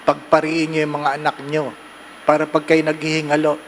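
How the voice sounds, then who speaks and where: Joking Filipino priest preaching at Mass. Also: male voice, on the high side, completely flat delivery, brisk, a little hiss or hum. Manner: joking, conversational, constant tag questions. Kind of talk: sermon. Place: church during Mass.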